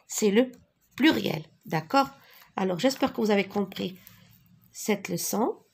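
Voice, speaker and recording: A woman teaching a French spelling lesson, patiently repeating each word slowly, with a few translations. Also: mid-range voice, breathy edge. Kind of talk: slow classroom lesson with repetitions.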